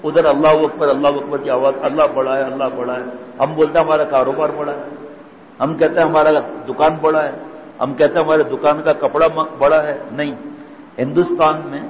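A man giving a storytelling sermon, acting out the dialogue in his stories. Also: fairly high pitch. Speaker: preacher. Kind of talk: sermon with anecdotes. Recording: dull echoey hall, faint noise.

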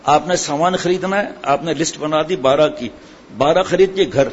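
Middle-aged male preacher in an echoing hall. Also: fairly high pitch. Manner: asks the audience rhetorical questions and answers them himself. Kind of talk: sermon. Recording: hall echo, dull sound, faint ambient noise.

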